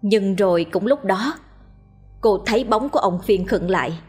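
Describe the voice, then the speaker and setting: A woman narrating a horror story in a steady, suspenseful reading. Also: medium pitch, normal speed, breathy edge, faint music behind.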